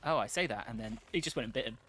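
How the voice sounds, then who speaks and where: A man's voice: medium pitch, animated, very fast, fairly bright tone, slightly rough. A man streaming a strategy game, chatting casually and telling stories between battles. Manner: chatty, joking, tells stories.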